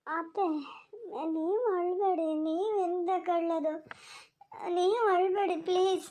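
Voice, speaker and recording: A woman's voice: very high-pitched, a little slow, warm tone. A woman with a Malnad Kannada accent voicing a meek young daughter-in-law in a cartoon, pleading and reassuring. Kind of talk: cartoon voice acting.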